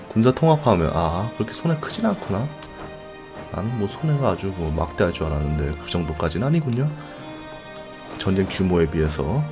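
A man commentating his own strategy game, pleading and shouting at his allies and muttering curses under his breath. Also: low-pitched. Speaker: game streamer. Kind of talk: gaming commentary.

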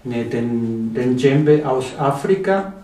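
Halting, slow man. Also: mid-range voice, expressive, dark tone. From South America. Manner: halting, searching for words. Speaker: drum maker and musician guest. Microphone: far camera. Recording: roomy sound from a distant mic.

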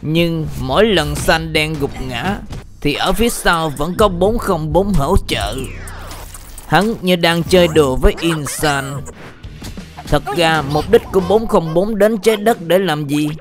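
A woman narrating an episode recap in a measured, scripted way. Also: deep voice, expressive. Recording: music behind.

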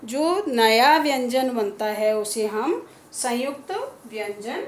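A woman's voice: a little high, slow pace, reverberant, slight background noise. A woman teacher with a Hindi accent giving a classroom lesson, patiently sounding out letters one by one. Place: school classroom.

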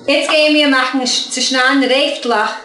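A woman's voice: high voice, fairly even intonation, normal speed, bright, forceful tone, reverberant, poor audio. A woman hosting a cooking show, explaining each step to viewers in a casual way, first outdoors on a farm and then in a wooden kitchen. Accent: Yiddish-speaking. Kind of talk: casual guided cooking chat.

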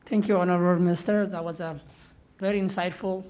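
A man's voice: high voice, level tone, fast, a little mellow. Rambling young man asking a question. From Ethiopia. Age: young adult. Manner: rambling, heavy with "like, you know". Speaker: audience member, PhD student. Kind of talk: audience question.

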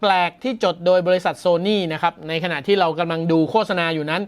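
A man's voice: sits high, steady tone, a little fast. A man hosting a tech news show, commenting in a chatty, amused way and laughing often as he reacts to the story.

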